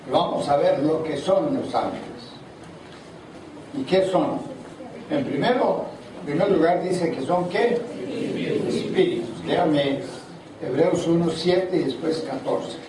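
An older man with a highish voice takes his time and pauses often while preaching a seminar sermon, asking the congregation questions throughout. It was captured from far away in a big, echoey church hall, with audible noise.

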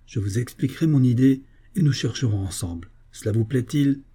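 A man reading the part of a kind, discreet young man who speaks in a gentle, reassuring way. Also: medium pitch, fairly quick, husky.

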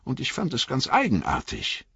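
A man's voice: mid-range voice, huge pitch swings, moderate pace, vocal fry, a bit bright, husky, dry recording, voice pushed up, exaggerated voice. A man reading an audiobook, voicing a young, earnest male hobbit who is anxious and eager. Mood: puzzled. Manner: eager, rising and pleading. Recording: dull lo-fi audiobook recording.

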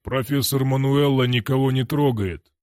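A man voicing an old man with a bass voice who fusses tenderly over his cat. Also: steady tone, normal speed, darkish tone, clean tone, no room sound, clean studio sound, lightly acted. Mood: doting.

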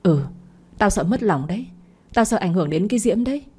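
A woman's voice: lively intonation, brisk, dark tone, breathy edge. A woman doing a furious scolding old aunt. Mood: raging. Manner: shrill, abusive scolding. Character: harsh, bitter older aunt, scolding.

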